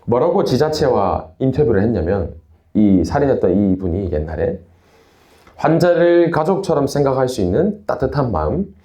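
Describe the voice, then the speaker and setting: A young man with a Busan Gyeongsang accent gives a sermon to teenagers, his mellow voice rising and falling freely as he tells stories. The sound carries a roomy echo from a church hall. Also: mid-range voice, very animated, normal speed. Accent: Busan Gyeongsang dialect. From Busan, South Korea. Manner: chatty storytelling, refers to himself in third person. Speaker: youth pastor. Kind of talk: sermon to a youth group.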